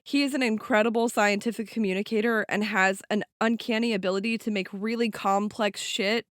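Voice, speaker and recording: A woman's voice: mid-range voice, steady tone, brisk, no echo, clean studio sound. A woman co-hosting a podcast, explaining science in a casual, chatty way with some swearing. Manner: casual, swears, laughs often. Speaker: podcast co-host.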